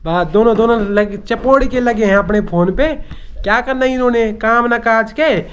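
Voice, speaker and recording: A man's voice: very high voice, normal speed, a bit bright, muffled recording. A young man from Uttarakhand chatting and teasing his family in a casual home vlog. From Uttarakhand, India. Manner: teasing, joking banter. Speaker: vlogger.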